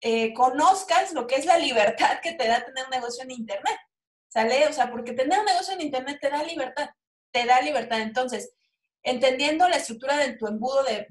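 Energetic Mexican woman pitching an online course. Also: roomy sound. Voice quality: energetic, rhetorical, frequent "o sea" and "¿sale?" check-ins. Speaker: online marketing coach. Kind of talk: persuasive sales presentation.

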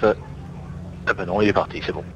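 A male tower controller with a slightly low voice speaks in radio phraseology. He is heard over a pilot headset radio, with faint noise. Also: fairly even intonation, fairly quick, a bit bright. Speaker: tower air traffic controller.

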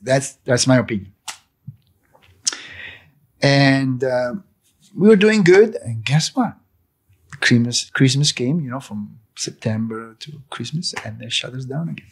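A man who owns a cafe gives an emotional personal testimony in an interview. He has a husky voice, restarts and repeats words, and turns loud and indignant as he goes on. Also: medium pitch, lively intonation, measured pace, pauses often. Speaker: cafe owner, interview guest.

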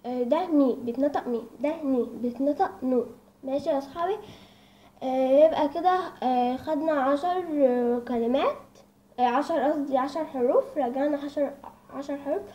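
High-voiced Egyptian woman teaching, hesitant. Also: brisk, mellow. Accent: Egyptian Arabic. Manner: hesitant, with many fillers, addresses viewers as friends. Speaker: church lesson presenter. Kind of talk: informal teaching. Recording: dull lo-fi recording.

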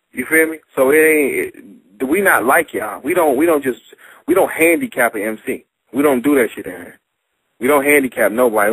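A man's voice: mid-range voice, fairly bright tone, breathy edge, dry recording, poor audio. A young man from St. Louis with a St. Louis accent, arguing brashly and boastfully, full of profanity, as a battle rapper in a heated casual debate.

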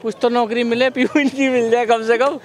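A man's voice: very high voice, flat delivery, normal speed, crowd noise. A man in his twenties answering jokingly and sheepishly in a street interview, speaking into a handheld mic outdoors. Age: 20s. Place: outdoors in a park. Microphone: handheld mic held by interviewer.

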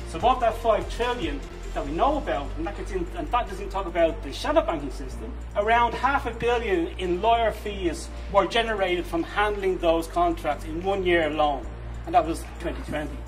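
Sardonic high-voiced man, far off. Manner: sardonic, swearing.

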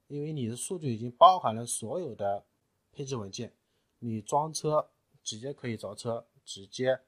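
A man in a technical tutorial, explaining each step patiently and often pausing with fillers. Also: mid-range voice, husky, no room sound. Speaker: tutorial presenter. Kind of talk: screen-recorded technical tutorial.

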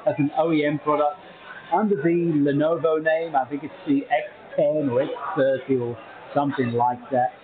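A man's voice: a little high, level tone, normal speed, narrow, tinny audio, a crowd in the background. A man who reviews tech gear, talking casually and thinking aloud as he is heard through a bluetooth earbud mic on a call. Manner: chatty, thinking aloud, with small laughs. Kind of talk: casual product review talk. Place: busy coffee shop, indoors.

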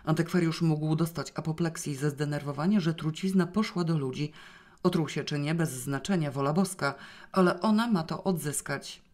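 A narrator reading a novel aloud in a steady, measured way. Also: mid-range voice. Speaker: audiobook narrator. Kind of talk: scripted narration.

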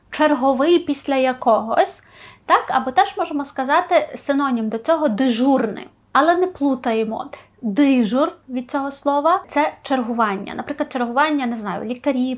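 High-voiced woman teaching language. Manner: explains words, then gives example sentences with translations; often checks in with a questioning "tak?". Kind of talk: online language lesson.

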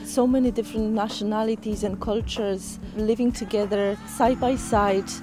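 A woman from Poland speaking in a documentary interview, upbeat and slightly halting. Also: medium pitch, fairly even intonation, over music. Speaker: community member.

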